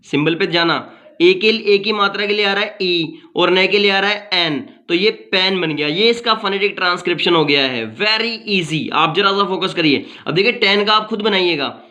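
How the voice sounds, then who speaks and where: A man teaches phonetics in a bright, forceful voice that sits a little high for a man. He explains step by step, repeats practice words for drilling and drops in English phrases. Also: moderate pace. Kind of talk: phonetics lesson.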